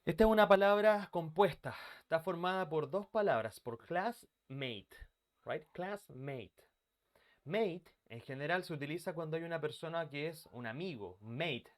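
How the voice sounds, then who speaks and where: A man's voice: on the high side, moderate pace. A man teaching a live online English class from his bedroom, chatting casually and greeting students by name. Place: bedroom used as an office. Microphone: computer mic on a video call.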